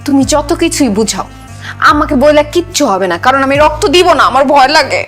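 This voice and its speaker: An actress playing a fearful, stingy young wife who protests with whiny, dramatic complaints. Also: female voice, high voice, expressive, a little fast, fairly bright tone, soft background music. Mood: scared protest. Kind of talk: TV drama acting.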